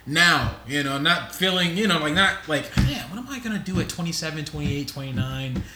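A man's voice: fairly high pitch, expressive, a little fast. Laid-back young man in an echoey room. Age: 20s. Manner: laid-back, laughs easily, casual filler. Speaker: podcast co-host. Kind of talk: casual podcast chat. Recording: echoey room, faint noise.

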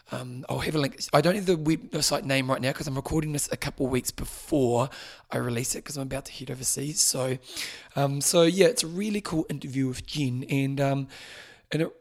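A man hosting a podcast, chatting casually and rambling a little, slightly hoarse from losing his voice. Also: mid-range voice. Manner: rambling, chatty, self-correcting. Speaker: podcast host. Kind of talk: casual podcast intro and interview.

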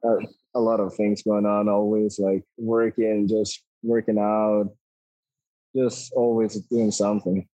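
A man's voice: lowish voice, level tone, a little slow, mellow, no room sound, rough recording. A man in his twenties from Costa Rica with a Costa Rican Spanish accent, a native Spanish speaker talking easygoingly as an interview guest, often hedging with "like". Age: 20s. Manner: easygoing, laughs often, hedges with like. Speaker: guest, ATV racer. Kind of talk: casual interview.

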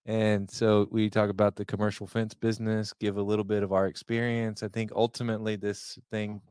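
A lower-pitched man co-hosting a relaxed podcast, playful and quick to laugh. His voice is recorded dry and close, with no room sound. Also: smooth, no echo. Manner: playful, jokey, laughs often. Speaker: podcast co-host. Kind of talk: casual podcast chat.

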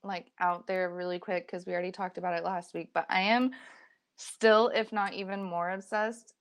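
A young woman podcast co-host with vocal fry, chatting casually and self-deprecatingly while sick, in bubbly slang. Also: lowish voice, little pitch movement, normal speed. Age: young adult. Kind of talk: casual chat.

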